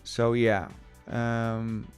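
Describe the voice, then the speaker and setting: Guy hosting a trading stream, rambles and restarts a lot, smooth resonant voice. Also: medium pitch, little pitch movement, drawn-out words, soft background music. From Spain. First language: Spanish. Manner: rambling, frequent restarts, reads viewer comments aloud. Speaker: trading livestream host. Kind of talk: casual livestream chat.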